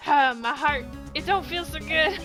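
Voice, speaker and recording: A woman voicing a cranky old woman who huffs and puffs and shouts breathlessly between words. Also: high voice, measured pace, over music. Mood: ranting. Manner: huffing and puffing, breathless shouting. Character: wheezing cranky old woman chasing a boy.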